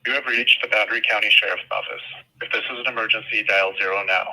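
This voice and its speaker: A man reading a recorded phone menu message in a measured, formal way, heard as it plays over a call. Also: lowish voice, low-quality recording. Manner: measured, even, formal delivery. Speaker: automated phone menu announcer. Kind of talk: scripted recorded announcement.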